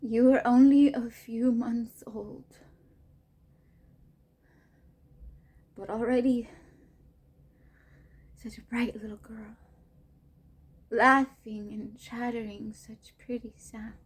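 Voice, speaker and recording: A woman's voice: fairly high pitch, fairly even intonation, slow, long pauses, breathy edge. A woman performing a monologue as a young mother, a former child soldier, grieving her baby, tearful and often dropping to a whisper. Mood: hushed. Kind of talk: dramatic monologue rehearsal.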